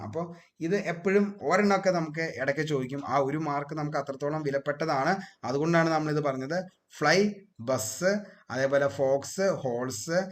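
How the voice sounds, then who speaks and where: A man teaching an exam revision lesson, repeating each fact and asking questions he answers himself. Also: a little high. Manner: drills facts by repeating them, asks then answers himself.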